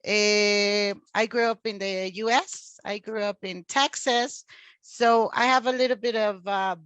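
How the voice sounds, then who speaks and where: A woman's voice: medium pitch, steady tone, a little slow, fairly bright tone, clean tone, no echo. A woman in her forties from Mexico, a teacher talking as a podcast guest, chatty with many fillers and restarts. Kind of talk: casual interview talk.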